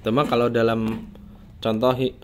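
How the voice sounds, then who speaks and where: A man's voice: medium pitch, level tone, moderate pace, a little mellow, a little hiss or hum. Patient Indonesian-speaking Arabic teacher, man. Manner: patient, quizzes and corrects the student. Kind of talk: Arabic grammar lesson.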